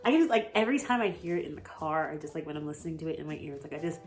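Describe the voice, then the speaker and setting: Talking very fast in a low, animated voice, an American vlogger chats away casually, gushing with plenty of fillers and giggles. The sound is slightly mellow, with soft music playing underneath.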